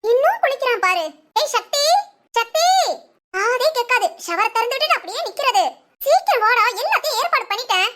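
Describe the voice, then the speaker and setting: A woman's voice: extremely high pitch, expressive, a little fast, very noisy. A woman playing a playful young wife who chats to herself with giggly asides in a village family comedy drama. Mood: mischievous. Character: playful young wife scheming to get her husband drunk.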